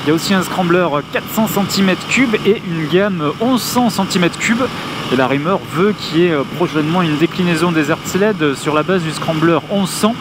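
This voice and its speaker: Male motovlogger, raised pitch, chatty with filler pauses, heavy engine and wind noise. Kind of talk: casual riding commentary. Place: riding a motorcycle on country roads, outdoors. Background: engine and road noise.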